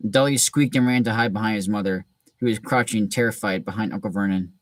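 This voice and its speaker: A man hosting a reading session and reading a story aloud in a relaxed way, with frequent restarts. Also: on the low side, brisk, dry recording. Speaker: host reading a book aloud. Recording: distant mic in a dry room.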